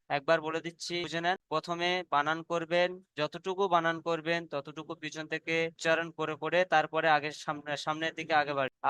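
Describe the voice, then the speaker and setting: A man with a Bengali accent teaching Quran reading, patiently correcting students and repeating each rule slowly. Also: a little high, fairly bright tone, smooth, no echo.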